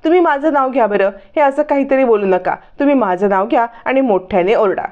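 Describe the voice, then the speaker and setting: A woman voicing a young husband who keeps coaxing his shy wife to call out louder, read in her own storytelling voice. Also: fairly high pitch, a little fast, phone-quality sound, lightly acted. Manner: insistent, coaxing.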